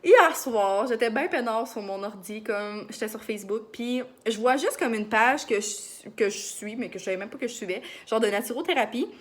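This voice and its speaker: A young woman with a Beauce Quebec accent chatting to camera in a fast, excited way, full of fillers. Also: on the high side. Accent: Beauce Quebec French. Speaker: vlogger. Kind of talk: casual chat to camera.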